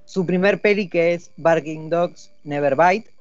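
At a measured pace, a man with an Argentine Spanish accent and a slightly high voice hosts a casual podcast chat, full of jokes and filler sounds. The dry lo-fi recording sounds dull, with faint music behind him.

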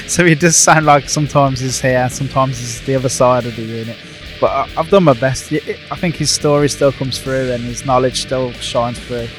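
Male British podcast host, slightly high voice, enthusiastic casual chat with guitar music behind. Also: moderate pace.

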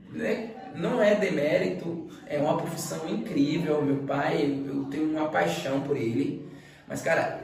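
Man from Bahia, teacher, earnest storyteller; slightly high voice, mic far off in a very echoey room. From Bahia, Brazil. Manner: earnest, acts out dialogue, repeats words when moved. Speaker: Portuguese teacher and school director, podcast guest. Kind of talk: emotional personal storytelling.

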